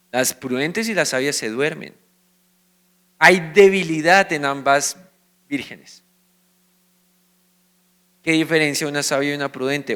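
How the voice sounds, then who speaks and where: Bright-voiced Colombian pastor teaching a sermon. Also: male voice, fairly high pitch, clear, resonant tone. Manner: teaching, asks the congregation questions and answers them.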